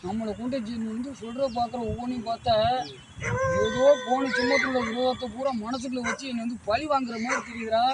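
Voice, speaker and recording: A man playing a high-voiced, exasperated scolding boss. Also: little pitch movement, quick pace. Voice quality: scolding, exasperated elder-brother manner. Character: irritable man scolding his foolish helper. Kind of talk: web series comedy acting. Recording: outdoor recording with clear background noise.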